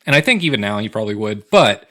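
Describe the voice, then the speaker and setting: Fairly low in pitch yet bright and forceful, this twenty-something American man talks fast and with lots of animation. He co-hosts a comedy podcast, swearing and using slang freely while often cracking up.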